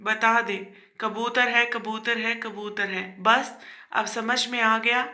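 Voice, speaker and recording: Brief: a woman doing an irritable grown son in a storybook tale, snapping and exasperated, bright tense voice. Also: fairly high pitch, fairly even intonation, takes it slowly. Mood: irritated.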